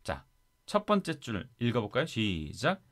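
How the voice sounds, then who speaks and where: A man with a Korean accent teaching English Bible verses in a lively classroom style, coaxing listeners to repeat after him. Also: medium pitch, a little slow.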